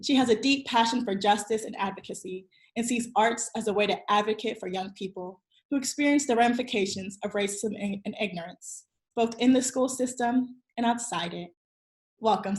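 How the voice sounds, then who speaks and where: A slightly high, brisk voice belongs to the interview's host, an American woman in her twenties from Virginia. She sounds earnest and upbeat through her introductions and questions, with a roomy echo around her.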